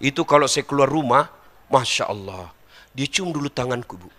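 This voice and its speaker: A man's voice: mid-range voice, moderate pace, in a large hall. A middle-aged man giving a humorous sermon, joking and speaking straight to the audience. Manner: lively, joking, addresses the audience directly. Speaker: preacher.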